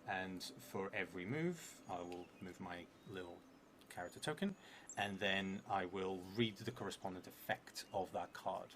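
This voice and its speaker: A man in his thirties with a fairly low voice runs a solo role-playing live stream, narrating a solo card game at a table in an indoor room at a theatre. He takes his time, thinking aloud and dropping into murmured asides. The room is noisy, with steady, clearly audible background noise.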